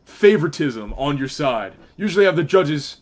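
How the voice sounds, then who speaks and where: Brief: young male fight caller, slightly higher voice, quick and excitable, loose with fillers. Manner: fast, excitable, with restarts and fillers. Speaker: fight commentator. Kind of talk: live play-by-play commentary.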